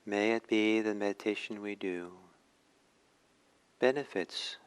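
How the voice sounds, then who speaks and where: A man leading a guided meditation as a teacher, speaking in short phrases with hushed pauses between them. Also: lowish voice, clean tone, poor audio.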